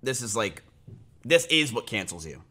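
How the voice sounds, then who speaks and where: His fairly low voice swings widely in pitch, sounding sharp at a normal speed. A livestreamer in his twenties, he talks casually from a small indoor home setup, rambling with lots of fillers and restarts and becoming heated and blunt.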